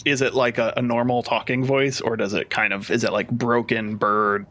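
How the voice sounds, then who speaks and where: A man's voice: medium pitch, little pitch movement, moderate pace, a bit bright. A man running a tabletop game as game master, talking in a hesitant way with many fillers and restarts.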